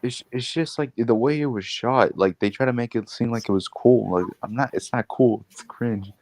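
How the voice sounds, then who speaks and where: A man's voice: mid-range voice, normal speed, darkish tone, no room sound. A man in a casual fan livestream, blunt and dismissive in his opinions.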